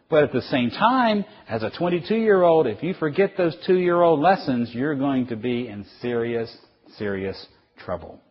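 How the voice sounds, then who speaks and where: A man teaching a Bible class, lecturing with animated storytelling and acting out the voices in his examples. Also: medium pitch, husky, muffled recording.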